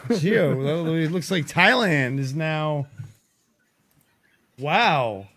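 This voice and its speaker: A man co-hosting a casual podcast chat, excitable and quick to exclaim. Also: a little high. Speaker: podcast co-host.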